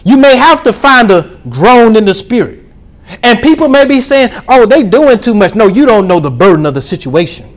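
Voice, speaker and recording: A pastor preaching a sermon to his congregation, calling for responses and rising to shouts. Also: sits high, sing-song, moderate pace.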